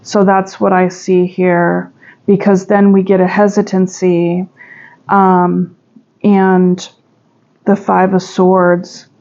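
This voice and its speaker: A woman's voice: fairly low pitch, completely flat delivery, slow, darkish tone, dull audio. A woman giving a pick-a-pile tarot reading, musing and chatty with sudden emphatic bursts. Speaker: tarot reader.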